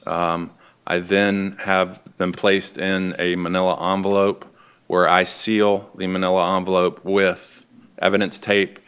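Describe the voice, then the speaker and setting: A man's voice: deep voice, flat delivery, unhurried, a bit bright, smooth. A man testifying in court as a lead detective, polite, formal and matter-of-fact in his answers. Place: indoor courtroom.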